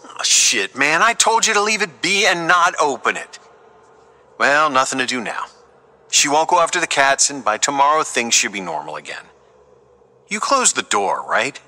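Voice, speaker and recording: A man's voice: mid-range voice, big pitch swings, moderate pace, bright, forceful tone. A man voicing his evasive friend who speaks casually and matter-of-factly about strange events. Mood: uneasy. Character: evasive male homeowner friend, uneasy.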